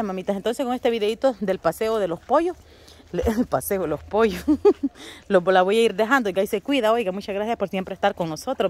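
Brief: woman vlogger, chatty and motherly with viewers, loud and sharp with her pets, lively high voice. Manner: chatty, calls viewers "mamita", shouts and scolds pets. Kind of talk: casual chat to viewers while tending animals. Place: outdoor yard with chickens, dogs and a cat.

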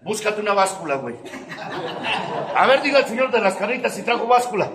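A high-voiced man with a Mexican accent tells his story to a recovery group in a crude, joking way. He swears nonstop and now and then bursts into a shout. The sound rings around an echoey meeting room. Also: big pitch swings, brisk, a crowd in the background. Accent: Mexican Spanish. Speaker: speaker sharing his testimony at a recovery group. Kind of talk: profane testimonial talk.

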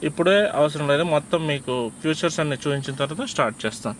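Man, Telugu accent, slightly high voice, patient step-by-step explaining, inside a car, faint insect noise. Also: rapid-fire. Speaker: driving instructor. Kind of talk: casual how-to explanation.

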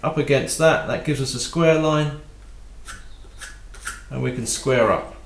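Calm man teaching woodworking, echoey room. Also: medium pitch, measured pace, creaky, background noise. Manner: calm, practical, talks while working. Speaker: woodworking instructor. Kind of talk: step-by-step workshop tutorial. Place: home workshop at a workbench.

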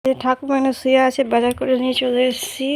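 A woman's voice: high-pitched, monotone, quick pace, heavy background noise. A woman talking casually through her day in a vlog, chatty, sometimes speaking to her child in a coaxing tone. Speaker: vlogger.

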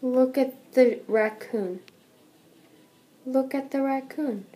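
A woman's voice: sits high, slow pace, warm tone, a little hiss or hum. A young woman chatting casually and jokily as host of an amateur unboxing video, playful and mock-dramatic, her voice echoing in a bathroom. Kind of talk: casual, jokey unboxing chat. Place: small indoor bathroom. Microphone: built-in tablet microphone. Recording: bathroom echo, amateur tablet recording.

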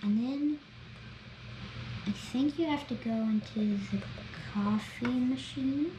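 A woman talking through a video game as she plays, chatty and excitable, narrating each step. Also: fairly high pitch, slow. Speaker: gameplay vlogger. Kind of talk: gameplay commentary. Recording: roomy echo, faint background noise.

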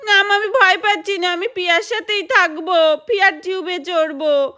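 A woman's voice: very high voice, steady tone, moderate pace, pushed and bright, pitched above the performer's own voice. A woman voicing a tearful little girl who pleads to ride with her friend in a doll story. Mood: pleading.

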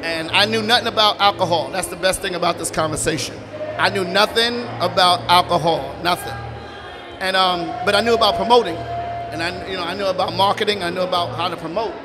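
New York guest, higher male voice, relaxed animated storyteller, music playing behind. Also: a little fast. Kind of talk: casual interview storytelling. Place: live brunch event.

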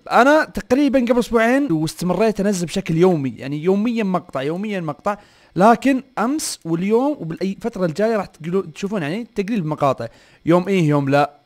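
A young man, hosting a gaming video and commenting on the gameplay, often repeating short words in quick bursts. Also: high voice. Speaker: gaming channel host.

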